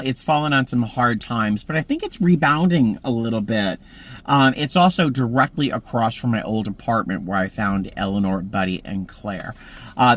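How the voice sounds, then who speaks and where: A man's voice: mid-range voice, fairly bright tone. A man in his mid-fifties chatting casually to camera from a parked car, telling meandering stories. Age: 50s. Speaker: vlogger. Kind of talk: casual vlog chat.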